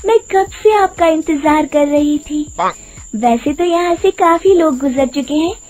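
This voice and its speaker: Woman playing a high, sugary young temptress. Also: unhurried, a little mellow, faint music behind. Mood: sweet, coaxing. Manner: sugary, coaxing. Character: beautiful young woman, sweet-talking, coaxing temptress.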